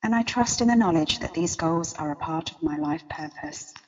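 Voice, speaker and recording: A woman leading a guided meditation as a guide, with a slow, soothing countdown delivery. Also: sits low, long reverb tail, lo-fi sound. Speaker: meditation guide and interview guest.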